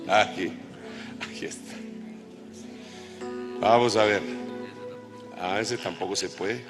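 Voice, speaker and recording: Man preaching slowly in a big church hall, long echo, some music faint behind, jokes with the crowd then prays hard. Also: on the low side. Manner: lively, jokes with the congregation, then prays fervently. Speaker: apostle preaching to pastors. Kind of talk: sermon.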